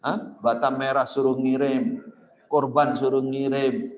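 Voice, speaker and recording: A man's voice: mid-range voice, level tone, a little slow, a little mellow, a little hiss or hum. A man preaching a sermon, telling stories with emphatic, sharply rising stresses on key words. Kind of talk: sermon with storytelling. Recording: echoey hall with long reverb.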